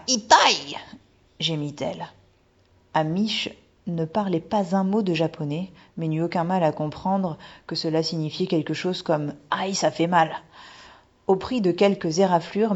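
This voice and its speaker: A woman narrates a children's story expressively and drops to a hush in the tense moments. Her voice sits on the low side. The recording sounds dull and lo-fi. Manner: expressive, hushes for suspense. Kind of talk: storybook reading.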